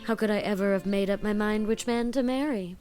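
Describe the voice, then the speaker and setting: In a dramatized audiobook, a woman voices a giddy, flighty, fun-loving eighteen-year-old girl who chatters, gushes and plays up the drama. Her natural voice is medium in pitch and darkish in tone, her pace a little fast, with soft music in the background.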